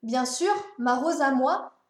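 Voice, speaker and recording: A woman voicing the little prince, a gentle, curious boy who asks earnest questions. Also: high-pitched, slow, echoey room, voice pushed up.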